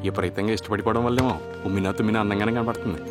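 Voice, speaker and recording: A man's voice: on the low side, steady tone, rapid-fire, loud music behind the voice, lightly acted. An actor playing a lovesick young man who talks in a clingy, pleading, polite way. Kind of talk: comic film dialogue.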